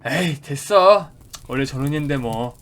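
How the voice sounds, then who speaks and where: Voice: mid-range voice, expressive, a little slow, lightly acted. An actor playing a timid, gullible bullied schoolkid in a Minecraft skit, stammering and thinking aloud. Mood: grumbling. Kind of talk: acted Minecraft skit dialogue. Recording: music behind the voice.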